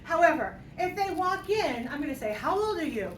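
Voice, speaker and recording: Heard from across a reverberant classroom over steady noise, a high-voiced woman in her fifties runs a math lesson at a moderate pace. She's playful and full of jokes, narrating tally examples aloud with light teasing.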